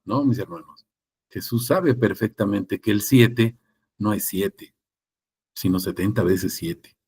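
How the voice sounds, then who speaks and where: A man's voice: lowish voice, slow, breathy edge. Man preaching with rhetorical questions. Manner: teaching with rhetorical questions, repeating phrases for emphasis; switches between loud emphatic and quiet passages. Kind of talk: sermon.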